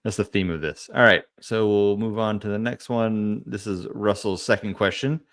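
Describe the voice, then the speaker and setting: A man co-hosting a casual podcast, reading listener questions in a relaxed, self-deprecating way. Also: lowish voice, normal speed, no echo, studio quality.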